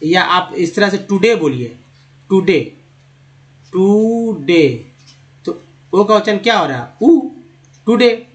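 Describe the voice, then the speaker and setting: High-voiced man teaching English phonics. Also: expressive, muffled recording. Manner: drills words slowly, spelling out letters and asking quiz questions. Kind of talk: Hindi-language phonics lesson.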